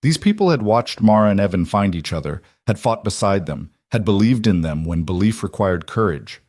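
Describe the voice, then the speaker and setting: A man reading a western audiobook in a measured scripted narration. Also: fairly low pitch, lively intonation, darkish tone, dry recording, clean studio sound.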